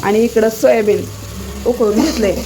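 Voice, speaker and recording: A hoarse woman, chatting playfully to her viewers in a home cooking vlog from her kitchen. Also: on the high side, fairly even intonation, normal speed, crowd noise.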